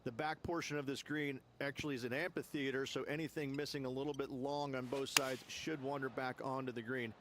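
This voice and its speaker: A man giving measured, explanatory colour commentary in a golf video game. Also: mid-range voice, fairly even intonation, heavy background noise, lightly acted. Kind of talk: sports commentary.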